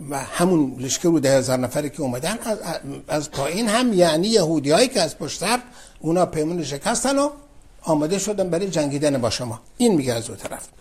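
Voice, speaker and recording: A man with a somewhat high, husky voice tells a religious story in a relaxed, conversational way. He slips into the voices of the people in the story as he retells their exchanges. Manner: conversational, acts out dialogue with shifts in pitch. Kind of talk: informal religious storytelling lesson.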